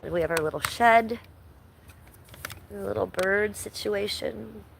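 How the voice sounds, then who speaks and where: A gravelly, mid-range woman's voice moving at a measured pace, with background noise present. She's from Ohio and chats loosely on a livestream while walking through her backyard, nasal from allergies, swearing a lot and reacting to viewers.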